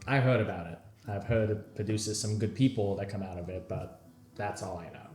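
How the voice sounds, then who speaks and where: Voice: deep voice, fairly quick, darkish tone, roomy sound. A tabletop player speaking in character with hesitant, curious questions. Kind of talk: in-character tabletop role-play.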